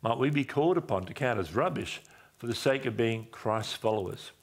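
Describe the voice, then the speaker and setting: A man in his sixties, a pastor, seated on a dim church stage with a headset mic, telling a personal story in a conversational sermon and often dropping his voice low for emphasis. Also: brisk. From Australia. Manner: conversational, animated gestures, drops low for emphasis.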